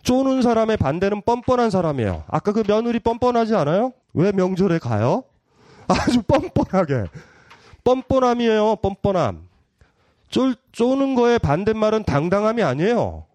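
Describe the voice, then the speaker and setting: A man's voice: high-pitched, big pitch swings, moderate pace, darkish tone, no echo. A middle-aged man giving a public philosophy lecture, playful and provocative, often laughing and teasing his audience.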